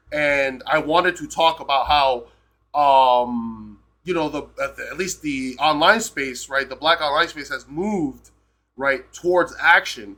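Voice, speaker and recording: A man's voice: on the high side, pushed and bright. A man from Peru, a live streamer, giving a rambling, emphatic and profane casual rant.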